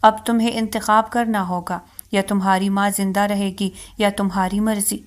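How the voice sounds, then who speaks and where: A cruel, vengeful rich man from a storybook, read by a woman narrator. He gives bitter orders in a plain, even delivery at an ordinary pitch. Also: lightly acted. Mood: harsh.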